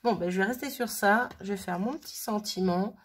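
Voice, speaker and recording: A woman's voice: mid-range voice, a little fast, husky. A woman casually thinking aloud as she works on a craft project, chatting and muttering to herself at her worktable. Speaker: crafting vlogger.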